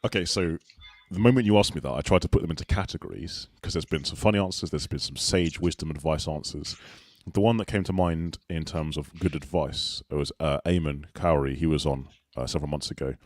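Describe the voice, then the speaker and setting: A young man hosting a casual chat, asking quick, jokey, teasing questions. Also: very deep voice, no echo, clean studio sound. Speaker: host.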